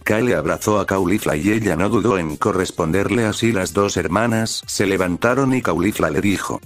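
Low-voiced man narrating a fan story. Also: moderate pace. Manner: reads stage directions plainly. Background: faint music.

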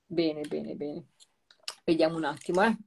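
A woman host with a lowish, dark and mellow voice talks on a live stream. She is emphatic and repeats her points, and her tone is warmly reassuring. Faint noise hangs behind her. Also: steady tone, moderate pace, creaky. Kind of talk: live-streamed talk, explaining replayed recordings.

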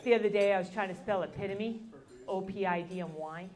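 A woman's voice: medium pitch, a little fast, a crowd in the background. A woman performing a stand-up comedy set on a club stage into a handheld mic, dry and self-deprecating, casual with lots of fillers. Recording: live audience laughter.

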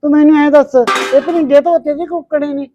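A woman's voice: high-pitched, level tone, brisk, noisy background, lightly acted. A middle-aged woman, playing a tired, patient mother-in-law in a village family drama. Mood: gentle. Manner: gentle, weary, calls her "son". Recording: dull lo-fi recording.

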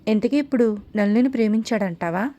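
A woman's voice: fairly high pitch, a little fast, warm tone, close to an everyday voice. A woman voicing a weak, ailing elder sister in an audiobook story, speaking in a tired, sardonic, questioning way. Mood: skeptical.

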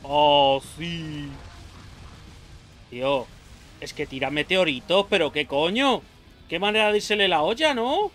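A gaming YouTuber with a somewhat high, slightly bright voice and lively intonation speaks slowly with long pauses as he takes on a boss. Faint game music plays behind his frantic commentary, which is full of swearing, yelps, and self-talk.

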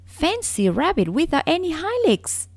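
A woman voicing a lively wild rabbit who talks in a mocking, boastful way. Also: high voice, measured pace, dry recording, pitched above the performer's own voice, heavily acted. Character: lively wild male rabbit, teasing and proud.

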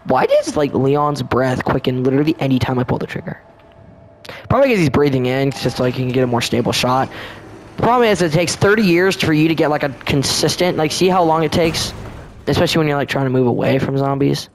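A man with a slightly high voice commentates his gameplay in a casual, rambling way. He is chatty and quick to get excited, and he keeps addressing the enemies on screen directly. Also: a little hiss or hum. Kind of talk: casual let's-play commentary.

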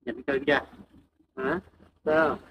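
Out at his farm home, a man casually vlogs with his dogs, coaxing them through repeated questions and then turning to explain to viewers. He speaks slowly in a fairly high voice with big pitch swings and vocal fry, over noisy outdoor ambience and animal sounds.

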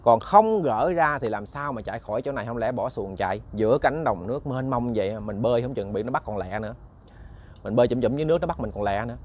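A man's voice: mid-range voice, animated, fast, a little mellow. Southern Vietnamese man telling a ghost story. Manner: chatty, repeats words while searching, addresses listeners directly. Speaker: ghost story narrator, channel host. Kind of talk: casual spoken ghost storytelling to listeners.

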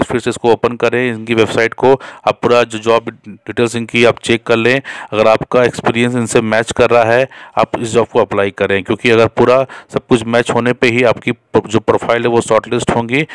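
Male host, unscripted voice-over, steady flat delivery, dry recording. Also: medium pitch, clear, resonant tone, dry recording. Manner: casual, repetitive, frequent fillers and restarts. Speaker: job channel host. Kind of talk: unscripted job-listing voice-over.

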